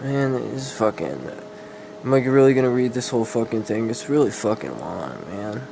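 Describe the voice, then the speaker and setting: This man's voice is medium-pitched and sing-song, moving at a moderate pace. He's giving a dramatic reading of fantasy horror fiction, stumbling over words and correcting himself as he goes. Background noise is clearly audible.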